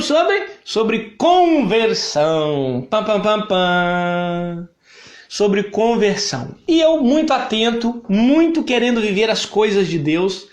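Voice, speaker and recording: A man in his thirties with a Brazilian Portuguese accent, giving a personal testimony to live viewers, emphatic and repetitive, often greeting them by name. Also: sits high. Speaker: church speaker sharing his testimony. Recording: echoey room.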